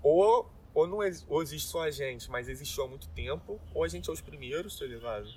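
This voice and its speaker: A man's voice: on the high side, animated, fairly quick, mellow. Slangy young Rio guy in noisy surroundings. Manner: slangy, rambling, musing, tags phrases with slang. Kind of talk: casual chat in street slang.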